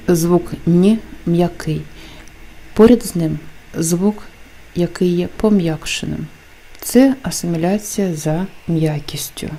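A woman teacher explaining pronunciation rules in a deliberate lesson, carefully enunciating example words. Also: fairly low pitch, warm tone. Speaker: language teacher.

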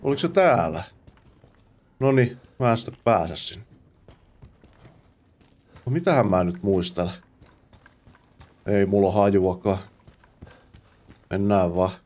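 A man's voice: on the low side, long pauses, a little mellow. A man hosting a let's play, chatting to himself as he plays and dropping English exclamations and curses. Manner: chatty self-talk, mutters while playing. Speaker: gamer host.

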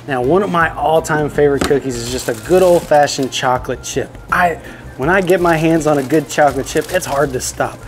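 A man hosting a kids' show on a bakery tour, excitable and talking straight to the viewers. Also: on the high side, brisk, over music. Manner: excitable, exclaims often, talks straight to the viewers. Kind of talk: upbeat presenting to kids. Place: indoor bakery and commercial kitchen.

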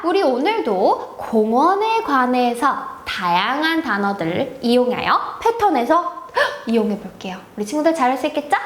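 Woman, children's English teacher, high animated voice, unhurried drills. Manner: lively, slow, repeating phrases for kids to echo.

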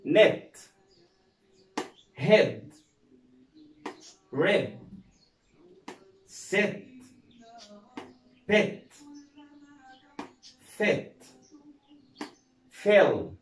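A man's voice: high voice, very animated, vocal fry, slight background noise. Egyptian man drilling English words, roomy. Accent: Egyptian Arabic. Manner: drills words slowly, asks and answers his own questions. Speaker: English teacher. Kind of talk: pronunciation lesson. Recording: roomy echo, mic at a distance.

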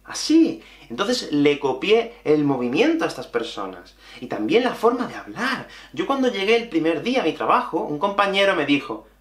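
A young man from Andalusia with an Andalusian Spanish accent, teaching a lively video lesson and stressing his points with repetition. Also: fairly high pitch, moderate pace, few pauses, roomy sound. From Andalusia, Spain. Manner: animated and emphatic, repeating key points.

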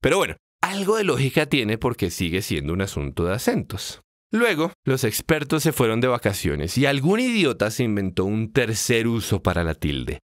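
A man's voice: mid-range voice, wildly swooping pitch, normal speed, dry recording, clean studio sound. A man giving scripted explainer narration in a wry, playful storytelling manner. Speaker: educational video narrator.

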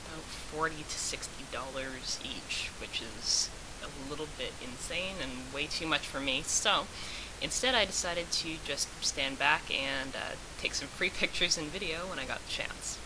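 Speaking as if to friends, a young vlogger looks back on a fan convention from a small indoor room at home. Her low voice moves at a normal speed, and hiss and noise run through the home recording.

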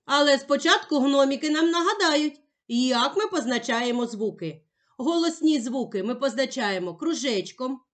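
A woman teacher giving a slow, clearly articulated lesson for young children. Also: sits high.

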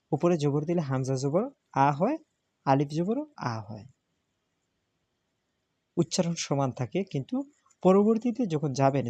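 A man's voice: a little high, dark tone, no room sound. Patient man repeating letter names. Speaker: Arabic alphabet teacher. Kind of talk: step-by-step spoken lesson.

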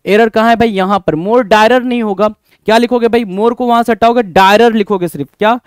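A young Indian man teaches English grammar in a live online exam-prep class, calling students "bhai", repeating points, asking rhetorical questions and answering chat comments by name. His voice sits high, steady and brisk, with a clean tone in a dry, studio-quality recording.

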